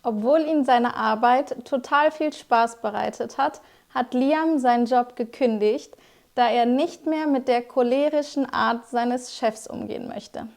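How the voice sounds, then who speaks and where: This young woman teaches German, going through vocabulary for her viewers in a clear, scripted lesson. Her voice is high-pitched yet darkish in tone.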